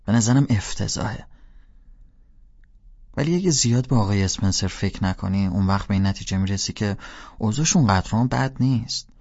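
A man's voice: on the low side, a little mellow, no echo, highs cut off. A man narrating a first-person audiobook in a casual, slangy storytelling voice.

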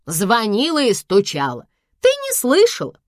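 A woman's voice: on the high side, wildly swooping pitch, measured pace, dry recording, pitched above the performer's own voice. Brief: woman playing a bossy, sardonic older mom, clipped, dry sound. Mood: snapping. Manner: curt, sardonic. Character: sharp-tongued older mother, dry and bossy. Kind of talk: audiobook character voice.

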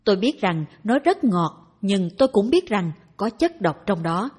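A woman reading a dharma talk aloud in a calm, even narration. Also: mid-range voice, unhurried, slightly rough. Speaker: reader of dharma talks.

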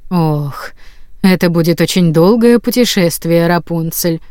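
A controlling storybook mother, as a woman narrator plays her speaks in a lowish voice. She is imperious and patronising, recorded close and dry. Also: a little slow, a little mellow, no room sound, close to an everyday voice. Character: Mother Gothel, controlling, condescending middle-aged mother. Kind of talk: audiobook character voice.

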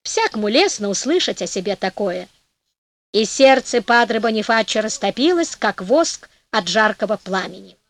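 A woman reading a folk tale aloud as an audiobook narrator, telling it in a lively way and acting out the characters. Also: mid-range voice, moderate pace, no echo.

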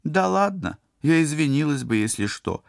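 A man voicing an eager, curious young woman student in an audiobook, with excited, pleading talk. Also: on the high side, moderate pace, vocal fry, no room sound, studio quality, pitched above the performer's own voice.

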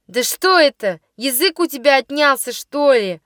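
A woman voicing a scornful, shouting schoolgirl. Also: sits high, expressive, normal speed, no echo, studio quality. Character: dark-haired haughty schoolgirl.

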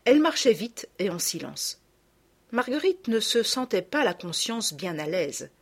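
A woman narrating a classic children's story in a calm, measured reading voice. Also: medium pitch, breathy edge.

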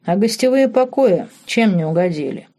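A man's voice: sits high, animated, moderate pace, warm tone. A woman reading an audiobook voices a contemptuous teenage boy who makes biting remarks. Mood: scornful. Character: scornful dark-mage teenage boy.

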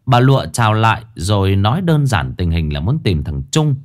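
A man's voice: on the low side, very animated, normal speed. A man narrating a ghost story with dramatic, scripted delivery.

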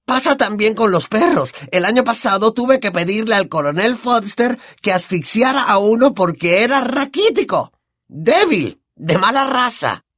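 A man voicing a drunk, cruel, loud older aunt with a Latin American Spanish accent, shrill and sneering. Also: very animated, moderate pace, dry recording, studio quality, full character voice.

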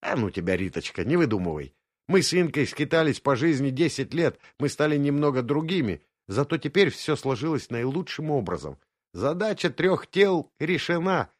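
A man's voice: a little high, sing-song, moderate pace, no echo, clean studio sound, voice pushed up. A man voicing a frank, thoughtful young woman in an audiobook, candid and wry.

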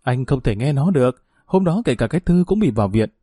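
A man's voice: medium pitch, expressive, fairly quick, warm tone, breathy edge, no room sound, clean studio sound. A man voicing a scheming young stepmother who pleads and defends herself in a spoken family drama. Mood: defensive, pleading.

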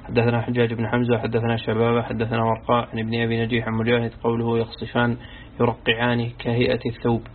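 A man reading a classical Quran commentary aloud as an audiobook, running through chains of narrators in a steady recitation. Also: medium pitch, very fast. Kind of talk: audiobook reading of a religious text. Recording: tinny narrow-band recording with faint hiss.

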